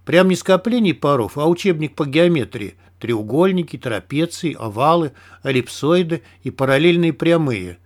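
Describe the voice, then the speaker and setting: A man reading a first-person adventure audiobook in a steady, even storytelling manner. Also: on the high side, moderate pace, hardly any pauses. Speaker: audiobook narrator.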